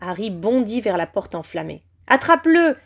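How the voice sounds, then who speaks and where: A woman's voice: medium pitch, moderate pace. Woman narrating a dramatic audiobook. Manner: expressive, dramatic reading.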